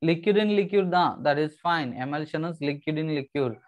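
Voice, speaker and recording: A man in his thirties with a South Indian Tamil accent gives an explanatory lesson. His voice sits fairly high and he talks extremely quickly, moving between English and Tamil. He repeats key phrases like a classroom teacher. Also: phone-quality sound. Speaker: science teacher.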